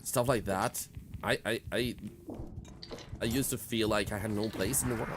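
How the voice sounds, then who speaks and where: Background noise runs under this casual gaming stream, where a young man with a Swedish accent speaks at a moderate pace in a lowish voice. He rambles candidly and reflectively, leaning heavily on fillers.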